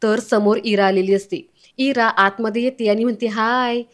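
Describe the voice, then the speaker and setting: A woman casually retelling a TV serial episode in an even, conversational way, with her own asides. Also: mid-range voice, moderate pace. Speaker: TV serial recap narrator. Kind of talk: casual storytelling recap.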